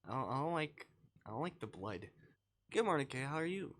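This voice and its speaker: On a live stream, a man reads a visual novel aloud, breaking off for informal, jokey, swearing asides as he reacts to the story. He's very animated, fairly quick, with a medium-pitched, fairly bright voice.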